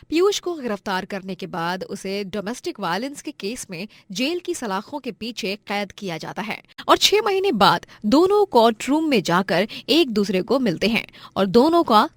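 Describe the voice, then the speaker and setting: A woman narrating an animated moral story in a steady scripted way. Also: medium pitch, dry recording.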